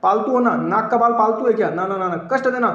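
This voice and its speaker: A man's voice: sits high, fast talker, fairly bright tone. A young man from eastern Uttar Pradesh with a Purvanchal accent, teaching an online exam-prep class, joking and repeating each answer for his students. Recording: roomy, dull lo-fi sound.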